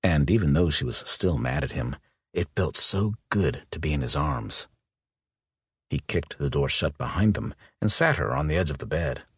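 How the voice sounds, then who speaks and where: A man narrating a romance audiobook in an expressive, measured way. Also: rumbling low, husky, no room sound.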